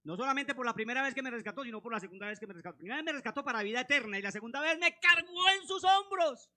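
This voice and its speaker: A man delivers an impassioned sermon in a high, bright voice. He swings from quiet, low asides to loud, drawn-out declarations that hammer each point home. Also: animated. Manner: impassioned preaching, rising and dropping sharply, drawn-out emphasis. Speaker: preacher.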